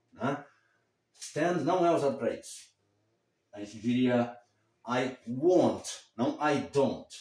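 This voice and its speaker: Male English teacher, patient explainer, slow repeated examples, roomy distant recording. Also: mid-range voice, dark tone. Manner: patient, repeats words slowly for pronunciation; checks in often with short tags. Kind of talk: explaining English pronunciation and grammar. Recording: echoey room, somewhat far from the mic.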